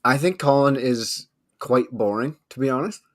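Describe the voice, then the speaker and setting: An easygoing man co-hosting a golf podcast, talking casually. He hesitates with "uh" and "like" and swears now and then. His voice sits at a middle pitch. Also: moderate pace. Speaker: podcast co-host. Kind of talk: casual chat.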